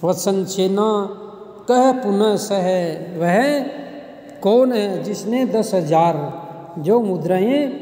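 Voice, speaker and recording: A man teaching a classical play, reading each line and then explaining it plainly, sometimes chanting verse in a slow sing-song. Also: high-pitched, animated, mellow. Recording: echoey room with long reverb.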